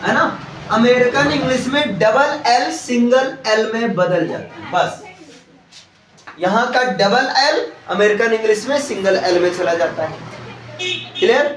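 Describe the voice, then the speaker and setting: A man teaching a class, spelling words out letter by letter and often asking the students if it is clear. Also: very high-pitched, animated, unhurried, a bit bright, slight background noise. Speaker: English teacher. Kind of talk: classroom lesson with call and response. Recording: roomy classroom audio from a distance.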